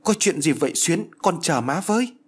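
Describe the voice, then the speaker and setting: A man's voice: medium pitch, animated, racing, slight background noise, natural voice. A man voicing a frantic grieving peasant mother who shrieks and wails. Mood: frantic grief. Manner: shrieking, wailing cries.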